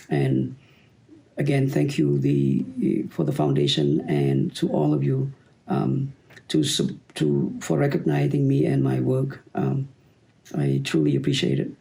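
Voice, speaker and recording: A man in his fifties with a Cambodian accent gives a halting acceptance speech, pausing often on fillers. His voice is heavily gravelly and dark, with a mellow low tone. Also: rough recording. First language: Khmer. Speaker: award recipient.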